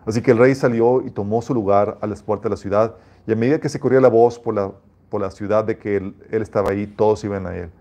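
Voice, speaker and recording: A man's voice: fairly low pitch, fairly even intonation, fast, dark tone. A man preaching a sermon as a pastor, reading scripture aloud and speaking emphatically, often restarting his phrases.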